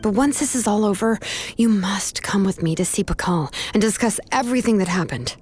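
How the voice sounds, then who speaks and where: A woman's voice: mid-range voice, lively intonation, brisk, darkish tone, close to an everyday voice. A woman playing a confident, practical and kind young craftswoman in a video game. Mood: casual, resolute. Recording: faint music behind the voice.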